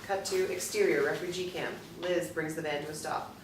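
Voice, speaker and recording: Woman reading screenplay directions, kinda low voice, really echoey, mic far off. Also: fairly even intonation. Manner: measured, matter-of-fact. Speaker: narrator. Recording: roomy, distant from the mic, faint noise.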